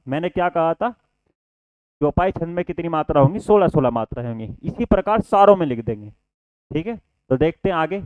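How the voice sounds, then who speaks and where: A man's voice: fairly high pitch, smooth, no room sound. Man, Hindi teacher, exam-prep lesson, step-by-step explaining, asks and answers his own questions, dry dull recording. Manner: addresses students as children, repeats "ठीक है".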